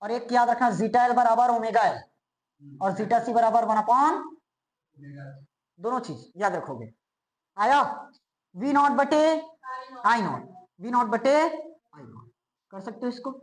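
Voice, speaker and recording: A male physics teacher giving a classroom lecture. He keeps asking quick checking questions and answers them himself, and he repeats key terms slowly. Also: very high voice, expressive. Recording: roomy echo, as if in a bare classroom.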